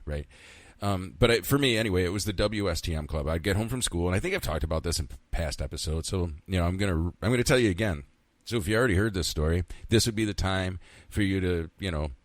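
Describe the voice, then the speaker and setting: 50-something guy hosting his own podcast, real low voice, dry close sound, rambles and swears a lot. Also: dry recording. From central New York. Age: 50s. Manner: rambling, candid, swears freely, talks to himself. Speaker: podcast host. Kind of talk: casual solo podcast monologue.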